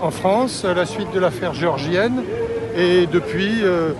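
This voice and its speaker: A man's voice: high voice, a little slow. A man giving a serious, formal street interview as president of an association. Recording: noisy outdoor street.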